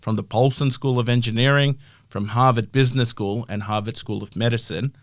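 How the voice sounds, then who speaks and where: A middle-aged man speaks with a broad Australian accent at an average pitch. He is an interview guest explaining his work in a conversational way. The sound is dry, with no room echo. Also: steady tone, a little fast. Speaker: interview guest, health-tech founder.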